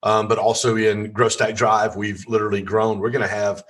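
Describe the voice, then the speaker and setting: A man hosting a podcast interview, with a slightly husky voice, speaking in an earnest, encouraging way. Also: lowish voice, little pitch movement, moderate pace, a bit bright. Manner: scripted inspirational intro, then conversational. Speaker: podcast host.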